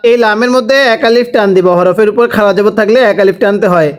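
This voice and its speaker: A man with a Bangladeshi Bengali accent teaching a Quran lesson, spelling out syllables and then chanting drawn-out recitation. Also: sits high.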